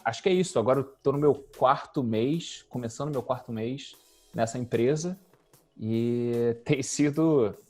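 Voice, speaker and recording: A man, a guest speaking in a casual interview and thinking aloud as he goes. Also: mid-range voice. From Rio de Janeiro, Brazil. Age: 30s. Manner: relaxed, thinking aloud with fillers. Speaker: guest, UX designer.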